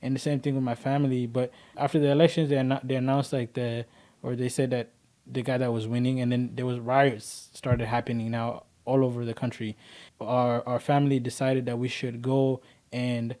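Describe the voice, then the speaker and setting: A man's voice: medium pitch, level tone, moderate pace, warm tone. A man in his twenties, from Kenya, telling his personal story as a podcast guest in an earnest, rambling way with lots of fillers.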